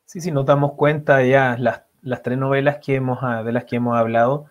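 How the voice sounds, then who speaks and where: A man co-hosting a literary discussion, pausing often with fillers and restarts. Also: medium pitch, steady tone, highs cut off. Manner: hesitant, many fillers and restarts. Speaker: co-host.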